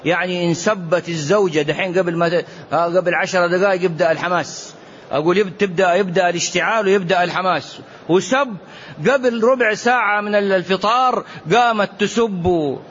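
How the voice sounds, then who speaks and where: A middle-aged man, a sheikh giving a religious lesson and answering questions in an animated way, full of rhetorical questions and mock dialogue. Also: high voice, fairly quick. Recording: dull lo-fi recording with faint hiss.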